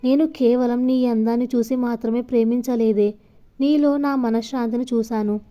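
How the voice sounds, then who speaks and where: A woman's voice: on the high side, steady tone, moderate pace, dark tone, clear, resonant tone, highs cut off, lightly acted. A woman voicing a devoted young man who pleads earnestly and tenderly with the woman he loves. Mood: pleading.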